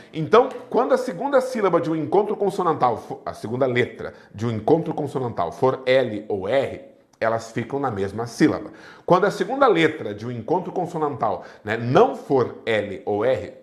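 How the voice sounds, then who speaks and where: A man with a Brazilian Portuguese accent teaching an exam prep lesson, who keeps checking in with his students and spells out examples syllable by syllable. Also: on the high side. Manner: checks in often with the class. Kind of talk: recorded online lesson.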